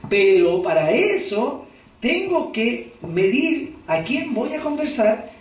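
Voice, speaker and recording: A man preaching to his congregation in a high-pitched voice, picked up from a distance in a reverberant church hall. He keeps it conversational, tossing rhetorical questions at the listeners as he goes. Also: sing-song, slow. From Chile. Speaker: pastor. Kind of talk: sermon. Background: congregation responding.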